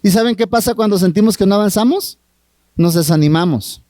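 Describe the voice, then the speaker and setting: A middle-aged man with a Mexican accent, a family therapist preaching at a marriage retreat, earnest and drawn-out, often asking the audience questions. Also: high-pitched, mellow, dry recording. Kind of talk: sermon.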